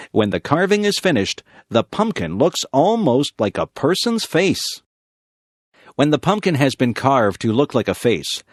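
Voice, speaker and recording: A man with an American accent reading scripted narration for English learners, slowly and clearly. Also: medium pitch, no echo, clean studio sound. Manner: slow, clear, even reading.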